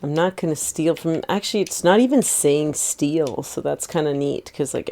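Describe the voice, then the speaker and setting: A woman in her forties chats casually while streaming a game, her voice deep, creaky and warm. She rambles in an easygoing way and laughs readily.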